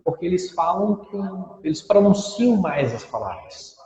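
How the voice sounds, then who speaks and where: A man's voice: high voice, big pitch swings, unhurried, mellow. A man, an English teacher in an interview, patiently explaining and modelling pronunciations. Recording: dull audio in an echoey room with long reverb.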